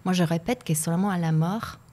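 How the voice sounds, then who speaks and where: Warm in tone, low-pitched, and fairly quick, the voice belongs to a woman from Italy, a native Italian speaker with an accent to match. As a podcast interview guest she sounds reflective and hesitant, often repeating words while she gropes for what to say.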